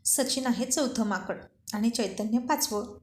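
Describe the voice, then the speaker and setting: Brief: teasing, bossy young man, blunt banter, slightly high voice, echoey room, read by a woman storyteller. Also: measured pace, darkish tone, close to an everyday voice. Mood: joking.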